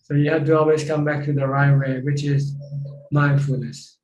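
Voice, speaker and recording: Flat-voiced monk on a video call. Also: male voice, a little high, moderate pace, music in the background. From Thailand. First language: Thai. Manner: plain, repeats phrases while explaining. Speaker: Buddhist monk teacher. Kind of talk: dharma Q&A talk. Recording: roomy, dull video call audio.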